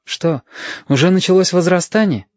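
A man's voice: sits high, normal speed, darkish tone, no room sound, pitched above the performer's own voice, natural voice. A man reading an audiobook voices an anxious, eager young boy with pleading, breathless questions. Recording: dull, dry lo-fi audio.

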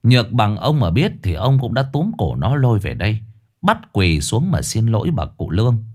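A man narrating a comic story in a lively, mocking way. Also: fairly low pitch, moderate pace.

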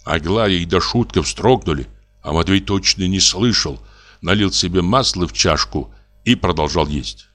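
A man narrating a classic story in a measured, grave reading. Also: low voice, fairly bright tone. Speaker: audiobook narrator. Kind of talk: scripted literary narration.

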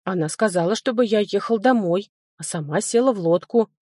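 A woman voicing an old male servant who speaks in a flat, lifeless way, as if in a trance. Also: mid-range voice, fairly quick, no echo, clean studio sound, natural voice.

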